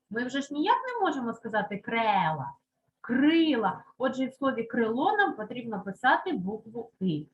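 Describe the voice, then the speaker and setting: A woman teaching a primary school language lesson, slowly stressing and repeating words for young children. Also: sits high, fairly bright tone, low-quality recording. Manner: slow, emphatic, repeats words aloud for children. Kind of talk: Ukrainian lesson for third graders.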